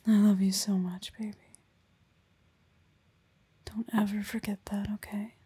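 A woman in a soft-spoken ASMR roleplay takes on the part of a devoted young wife and mother, speaking softly and intimately near the mic, often in a whisper with small laughs. Her breathy, mid-range voice stays level and tender at a measured pace.

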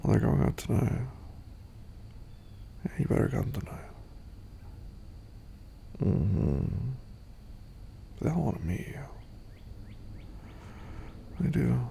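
Sleepy hungover man for intimate roleplay; low voice with a lively lilt, soft whispers. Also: slow pace, gravelly, pauses often, slight background noise. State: hungover and half asleep.

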